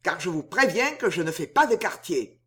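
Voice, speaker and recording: A reader voicing a haughty, hot-tempered male count in a swashbuckling audiobook, sneering and quick to rage. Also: medium pitch, big pitch swings, a bit bright. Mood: furious. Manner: sneering, then raging.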